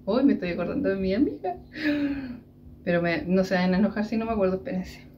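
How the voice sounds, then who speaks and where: A woman's voice: medium pitch, expressive, fast talker, highs cut off, slight background noise. A Chilean woman chatting casually to her viewers in a home cooking vlog from her kitchen. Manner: chatty, addresses viewers directly and often. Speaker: vlogger.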